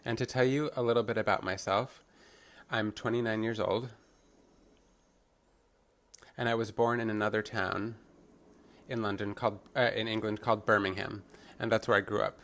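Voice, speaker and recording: Low-voiced man interpreting a fitness class. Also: fairly even intonation, normal speed, long pauses, fairly bright tone. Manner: upbeat coaching, calls out instructions.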